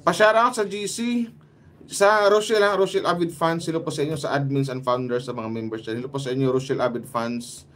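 A man with a Filipino accent hosting a casual livestream, reading out viewer shoutouts by name with quick asides. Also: a little high. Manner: lively, greets commenters by name, quick asides. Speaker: livestream host.

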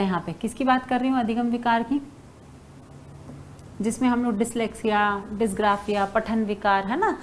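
Woman teacher, mid pitch, lecturing and writing on a board, fond with students, faint background noise. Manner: addresses students as "beta", writing on a board while talking. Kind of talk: online exam-prep lecture.

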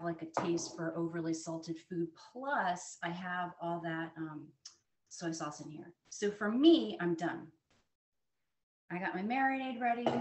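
A woman in her forties giving a live cooking demonstration from her home dining room, talking in a chatty, friendly way with many fillers, recorded on a camera a few steps away. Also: fairly low pitch. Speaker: cooking instructor. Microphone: fixed camera at a distance. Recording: echoey room.

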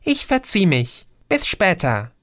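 A man's voice: sits high, huge pitch swings, slow, fairly bright tone, no echo, clean studio sound, voice pushed up, exaggerated voice. Man doing a tiny cheeky alien sprite girl. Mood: breezy.

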